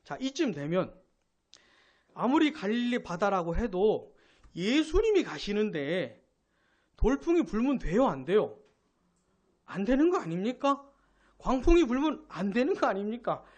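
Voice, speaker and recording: Animated pastor preaching a sermon. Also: mid-range voice, unhurried, long pauses. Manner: animated, asks the congregation questions; acts out quoted speech. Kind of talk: Sunday sermon.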